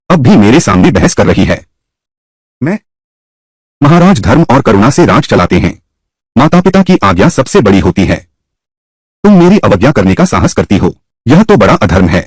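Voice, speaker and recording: A man's voice: lowish voice, slightly rough, no echo. A man voicing an arrogant young nobleman who insults his wife and lectures his mother in a dubbed story. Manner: contemptuous, lecturing.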